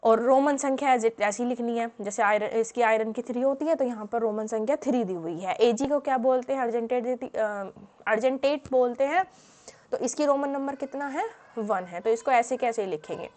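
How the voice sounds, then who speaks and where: Brief: female chemistry teacher, high voice, patient step-by-step lecture full of "ठीक है" checks. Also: moderate pace, a little mellow. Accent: Hindi-English mix. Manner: explains step by step with many fillers and rhetorical questions. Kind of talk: classroom lecture.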